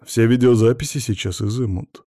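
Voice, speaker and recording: A man's voice: medium pitch, fairly even intonation, moderate pace, dark tone, no echo, studio quality, close to an everyday voice. Man voicing a blunt, patronizing older boss. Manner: folksy, patronizing reassurance.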